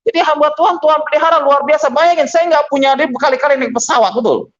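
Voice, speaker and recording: A man's voice: very high voice, fast talker. A middle-aged man, a pastor giving a testimony sermon and acting out the dialogue in his stories. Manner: animated storyteller acting out dialogue. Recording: dull lo-fi recording.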